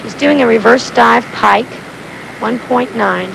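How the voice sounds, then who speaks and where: A woman's voice: a little high, unhurried, gravelly. A woman explaining technique as an expert analyst in live sports commentary on an old stadium broadcast. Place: outdoor diving stadium. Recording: very noisy crowded 1980s stadium broadcast.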